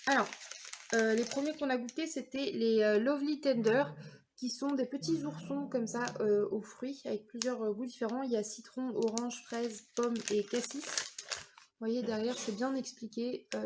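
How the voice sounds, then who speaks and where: A woman from France in her thirties talks casually through a review vlog, pausing often on fillers. Her voice sits a little high. A faint noise hangs under the recording. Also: fairly even intonation, a little mellow. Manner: chatty, many hesitations and fillers. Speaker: vlogger.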